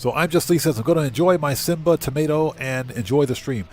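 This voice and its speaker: There's slight background noise as a man with a higher, darkish voice talks fairly quickly. He hosts a livestream channel and keeps up casual game commentary, thinking out loud and reading chat and screen text aloud as he plays.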